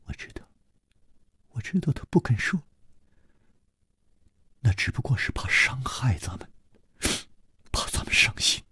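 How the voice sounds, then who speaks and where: A man's voice: medium pitch, big pitch swings, measured pace, pauses often, pushed and bright, breathy edge, no echo, full character voice. Man playing a grieving young man, choked whisper, tearful, dry close sound. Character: grieving young man, speaking through sobs.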